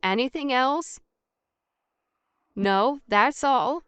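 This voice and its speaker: A language teacher, a woman with a smooth, crisp, slightly high and a bit bright voice, teaches English through a scripted practice dialogue at a very slow, deliberate pace. She reads each question and answer twice, enunciating carefully. The sound is dry and close with no echo.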